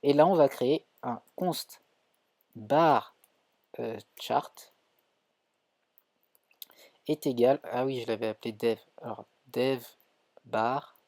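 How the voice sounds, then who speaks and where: A man's voice: medium pitch, takes it slowly, pauses often, a little mellow, no room sound. A man with a French accent teaching a live coding tutorial, thinking aloud with many fillers and self-corrections. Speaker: coding instructor streaming.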